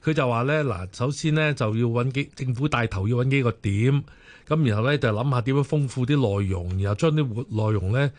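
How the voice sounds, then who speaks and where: A man's voice: mid-range voice, fairly quick. A male talk radio host recapping a guest's points step by step before asking his question. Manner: sums up points in numbered steps.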